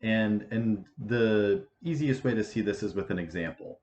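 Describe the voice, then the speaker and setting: A man in his twenties giving a casual math lesson, with a halting delivery full of restarts and fillers. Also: on the low side, darkish tone. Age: 20s. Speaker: math teacher. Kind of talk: casual lecture. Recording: echoey room, dull lo-fi sound, faint hiss.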